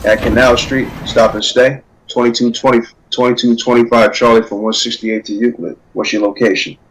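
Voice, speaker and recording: A man's voice: mid-range voice, normal speed. A man improvising radio calls as a train dispatcher in a role-play, repeating himself when flustered. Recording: very noisy channel, steady vehicle-like hum.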